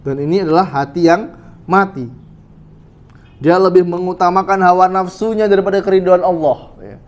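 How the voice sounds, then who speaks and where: A man's voice: high-pitched, fairly even intonation, normal speed, lo-fi sound. A male Islamic preacher giving a study sermon, asking rhetorical questions and checking in with "ya" as he addresses the brothers. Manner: rhetorical questions, frequent "ya" to the audience.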